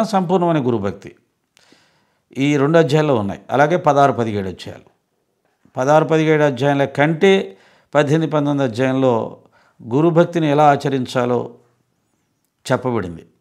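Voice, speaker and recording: A man's voice: medium pitch, a little mellow. A man giving a devotional scripture discourse as a satsang speaker, earnest and explanatory, often asking rhetorical questions.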